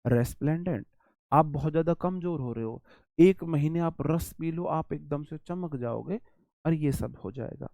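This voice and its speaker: A man with an Indian accent teaching a vocabulary lesson for exam students, animated and repetitive, with chatty asides. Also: fairly high pitch, moderate pace, vocal fry, no room sound.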